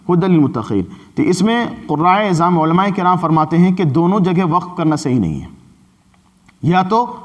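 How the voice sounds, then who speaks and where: A man with an Indian Urdu accent teaching a Quran recitation lesson in a mosque, explaining patiently and slowing down to chant his examples. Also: fairly high pitch.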